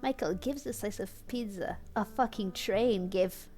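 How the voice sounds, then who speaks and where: A woman streamer gives a comedic live reading of fan fiction, speaking unhurriedly in a mid-range, darkish voice. She's giggly, often breaking into laughter mid-reading and making asides to her audience, with soft music playing in the background.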